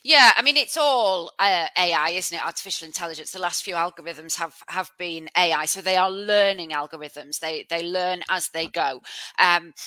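Woman, bright forward voice, conversational podcast host, plain emphatic explaining, dry recording. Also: fairly low pitch, moderate pace, no room sound, poor audio.

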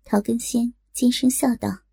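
A woman narrating a martial-arts tale in a steady, scripted audiobook delivery. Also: a little high, measured pace, vocal fry, slightly rough, no room sound, clean studio sound.

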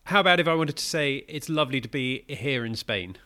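Bright-voiced, curious male interview host. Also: mid-range voice, expressive, brisk. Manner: encouraging, curious, many short backchannels.

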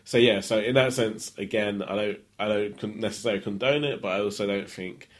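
A man's voice: fairly low pitch, brisk. A man hosting a podcast, easygoing and hedging as he chats and asks his guests questions. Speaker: podcast host. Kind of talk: casual chat and interviewing.

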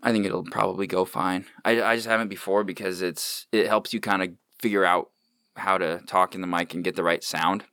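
Laid-back thirties male podcast host, low pitch, dry studio sound, casual and profane. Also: fairly even intonation, brisk, sharp tone, smooth, dry recording. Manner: laid-back, swears freely, many fillers. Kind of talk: casual chat. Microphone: studio microphone without headphones.

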